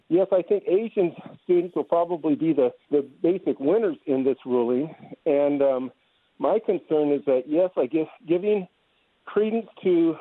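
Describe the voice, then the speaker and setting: A man calling in to a talk radio show, speaking in a measured, hesitant way with fillers over the phone. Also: a little high, dry recording. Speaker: caller. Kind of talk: call-in talk. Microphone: telephone. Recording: tinny phone line.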